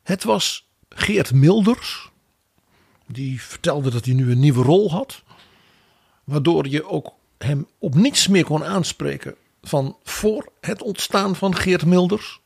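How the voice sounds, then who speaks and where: Male podcast co-host, raspy and gravelly, lively wry political commentary, dry close mic. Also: fairly high pitch, slow pace, no room sound. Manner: animated, wry commentary with quoted asides. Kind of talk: political analysis chat.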